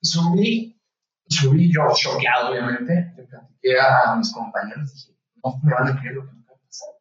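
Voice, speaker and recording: A young Mexican man, a medical student, telling a story casually and lively, acting out the voices of the people in it. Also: medium pitch, brisk, far from the mic. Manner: animated, acts out voices in anecdotes. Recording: echoey room, voice off-mic, slightly dull.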